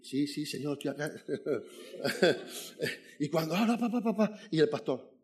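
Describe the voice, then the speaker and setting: Guest preacher, male, fairly high voice, animated testimony-style sermon to a church crowd. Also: a little slow, breathy edge. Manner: animated storyteller, calls out "amen" to the congregation.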